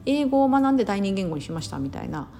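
Woman from Osaka, casual podcast chat, lots of fillers, animated intonation. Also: mid-range voice, fast, slight background noise. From Osaka, Japan. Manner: chatty, many fillers and self-corrections. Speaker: podcast host. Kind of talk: casual solo talk.

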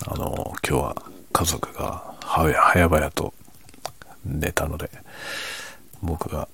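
A man chatting casually and quietly late at night, half whispering as if others in the house are asleep. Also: rumbling low, steady tone, slow pace, a little hiss or hum. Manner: speaks quietly, half whispering, so as not to wake sleeping family. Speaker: host of a late-night audio chat. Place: at home at night. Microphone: microphone without windscreen, slightly backed away.

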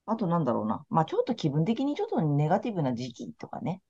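Low, quick-talking woman tarot counselor on a podcast. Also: wildly swooping pitch, mellow, husky. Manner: chatty, frank, laid-back. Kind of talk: casual podcast chat. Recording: slightly muffled lo-fi audio.

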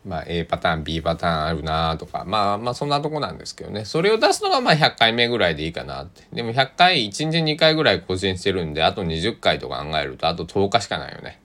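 A man with a deep voice and a Kochi accent hosts a casual solo radio show. He rambles at an easy pace, pausing often and trailing into soft asides. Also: wildly swooping pitch. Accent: Kochi (Tosa) Japanese. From Kochi, Japan. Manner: rambling, unhurried, many hesitations and soft asides. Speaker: podcast host.

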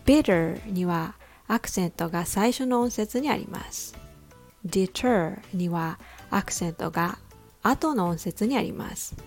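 A woman coaching English pronunciation in a scripted podcast lesson, explaining clearly and reading example sentences slowly. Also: on the low side, a little mellow. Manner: reads English example sentences slowly and deliberately, twice for comparison.

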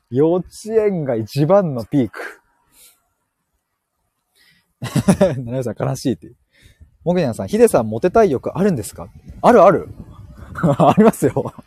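Casting: male live-stream host, playful and quick to laugh, mellow husky voice, lively pitch, walking outside on an earphone mic. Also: no echo, clean studio sound. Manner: playful, laughs often, joking. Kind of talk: casual live-stream chat reading listener comments. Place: outdoors, walking.

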